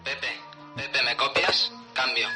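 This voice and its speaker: A man in an ad calling his team over a walkie-talkie, hushed and urgent. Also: mid-range voice, slow. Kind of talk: scripted ad acting. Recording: distant radio voice with music behind.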